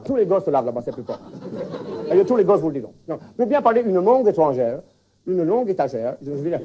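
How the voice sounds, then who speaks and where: A man's voice: high-pitched, a little mellow, dull audio, slight background noise. A man playing a flustered foreign language teacher in a stand-up comedy sketch, stammering through puns with a put-on accent. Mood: confused. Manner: stammering wordplay, restarts. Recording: 1979 television broadcast.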